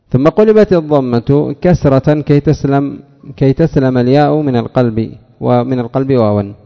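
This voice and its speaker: A man teaching a lesson on grammar, asking questions and answering them himself, repeating key words. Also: medium pitch. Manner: addresses a student by name. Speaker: teacher of Arabic morphology. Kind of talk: classroom lesson explaining a text. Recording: dull lo-fi recording with long hall reverb.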